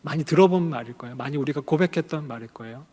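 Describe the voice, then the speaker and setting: An earnest male pastor preaching to a congregation and asking it one question after another. His voice is high for a man and carries a long hall echo. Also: racing, darkish tone. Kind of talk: sermon.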